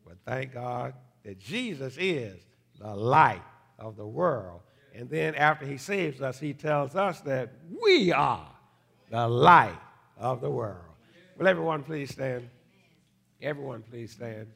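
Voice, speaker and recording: Older male preacher, gravelly and forceful, exhorting a congregation in church-sermon style. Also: medium pitch, animated, slow. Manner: exhortatory, repeatedly punctuating with amen. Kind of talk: church sermon with altar call.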